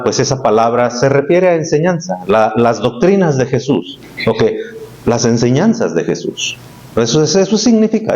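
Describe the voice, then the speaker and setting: A man's voice: medium pitch, a little mellow. A man preaching in a church, a pastor teaching in a plain conversational way that builds to repeated emphatic points. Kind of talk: sermon. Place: church sanctuary. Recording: dull lo-fi church recording.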